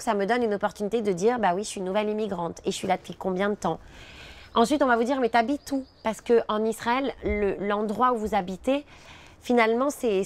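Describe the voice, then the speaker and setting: A middle-aged woman from France, speaking reflectively in a documentary interview, often pausing with fillers as she searches for words. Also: medium pitch.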